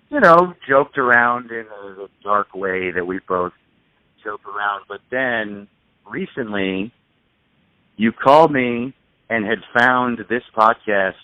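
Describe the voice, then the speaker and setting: Male host on a phone line, tinny and dry, lively and jokey. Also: on the low side, slow pace, long pauses, dry recording. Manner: jokey, laughs easily. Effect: over the phone. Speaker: podcast host. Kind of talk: casual chat.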